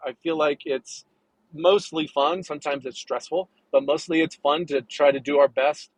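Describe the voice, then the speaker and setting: Podcast guest: man, higher-pitched, eager and talkative, dry close mic. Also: fairly even intonation, moderate pace, dry recording, low-quality recording. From United States. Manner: chatty, enthusiastic, rambling with restarts. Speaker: coffee importer and roaster guest. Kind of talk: casual podcast interview.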